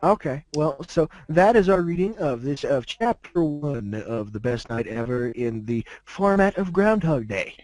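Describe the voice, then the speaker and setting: A man's voice: a little high, expressive, measured pace, few pauses, a little mellow. A man co-hosting a casual podcast chat, speaking thoughtfully and hesitantly through a glitchy mic that makes him sound robotic. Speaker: podcast co-host discussing a fanfic reading.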